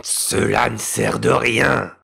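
A man voicing a cruel, murderous nobleman husband in a storybook reading, with a gravelly, raspy, menacing voice. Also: fairly low pitch, fairly even intonation, slow, bright, forceful tone, full character voice. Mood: cold menace. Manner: menacing, bellowing threats.

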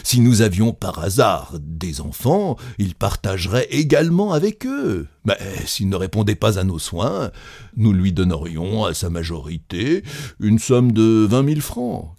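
A man voicing a well-off husband who explains his offer in a measured, reasoning tone. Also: lowish voice, darkish tone, no room sound, studio quality, heavily acted. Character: well-off husband, calm and persuasive.

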